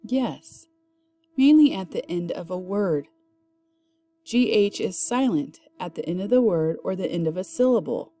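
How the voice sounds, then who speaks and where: A woman teaching phonics, leading a slow drill of word lists and enunciating each word carefully. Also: fairly low pitch, lively intonation, warm tone, faint music behind.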